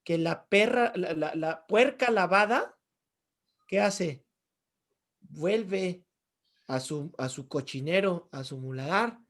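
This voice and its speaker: A man's voice: sits high, lively intonation, slow, long pauses, a bit bright. A middle-aged man teaching a theology class, asking his students rhetorical questions and answering them himself. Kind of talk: Bible class lecture.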